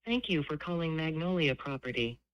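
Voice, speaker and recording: A woman's prerecorded phone message reading out a company's menu options in an even, scripted announcer delivery, heard over a phone. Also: sits low, fairly quick, no room sound, low-quality recording. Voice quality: crisp, evenly paced announcer delivery. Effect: recorded phone message.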